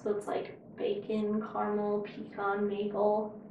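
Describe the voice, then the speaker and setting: A woman's voice: mid-range voice, monotone, unhurried, phone-quality sound, slight background noise. A woman hosting a casual home cooking show, chatting and joking while she tastes her food in her kitchen. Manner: chatty, joking, talks with her mouth full. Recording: echoey kitchen, mic far off.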